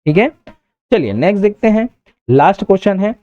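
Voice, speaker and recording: A man's voice: high voice, sing-song, fairly quick, warm tone, dry recording, lo-fi sound. A man teaching an exam-prep English grammar lesson, explaining step by step and answering his own questions.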